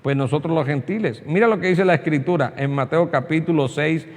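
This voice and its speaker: A man's voice: on the high side, fairly quick, long reverb tail. A Colombian man preaching a sermon conversationally, acting out voices and restarting phrases often. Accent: Colombian Spanish. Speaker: pastor.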